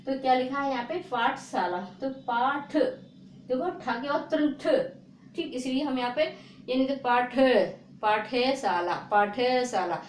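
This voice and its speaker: A woman teaching a spelling lesson, repeating words slowly and asking her viewers rhetorical questions. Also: high voice. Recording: echoey room with faint noise.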